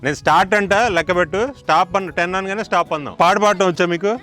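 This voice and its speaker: A man hosting a village game show outdoors, loudly counting to ten and joking with the villagers. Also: sits high, fairly even intonation, rapid-fire.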